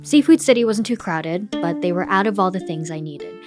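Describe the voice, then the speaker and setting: A woman's voice: fairly low pitch, expressive, a little fast, music in the background. A woman hosting a podcast, telling a personal story in candid, scripted narration. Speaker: podcast host.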